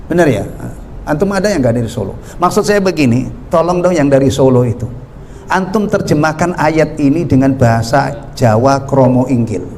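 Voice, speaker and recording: A man's voice: medium pitch, normal speed, darkish tone, a little hiss or hum. A man from Central Java, Indonesia, teaching a mosque study session in a conversational way, often asking the audience questions. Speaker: Islamic teacher.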